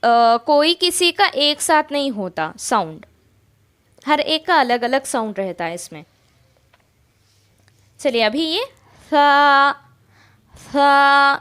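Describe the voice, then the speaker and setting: A woman teaching Quran reading, who patiently explains each letter and recites slowly in long drawn-out sounds. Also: high-pitched, clear, resonant tone. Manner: explains step by step, often checks in. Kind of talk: patient spoken lesson.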